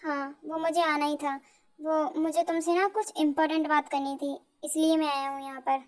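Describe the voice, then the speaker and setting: A woman's voice: high voice, level tone, normal speed, natural voice. A woman voicing a secretive young husband who talks hesitantly and then firmly, in an amateur fan audio drama. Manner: hesitant, evasive, then firm.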